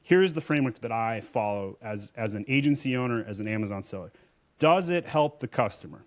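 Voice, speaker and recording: A man's voice: medium pitch, animated, brisk. Blunt, emphatic man talking business. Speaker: Amazon seller and agency owner, podcast guest. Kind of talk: casual podcast conversation.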